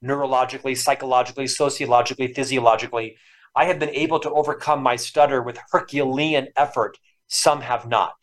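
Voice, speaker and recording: A Florida man in his fifties who has stuttered all his life tells personal stories as a podcast guest, earnest and emotional in a reflective interview. His medium-pitched voice stays fairly even and moves at a quick pace.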